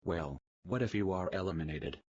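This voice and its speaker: A woman voicing a gruff, menacing bully in pretend play, taunting slowly. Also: very deep voice, a little mellow, highs cut off, pitched below the performer's own voice.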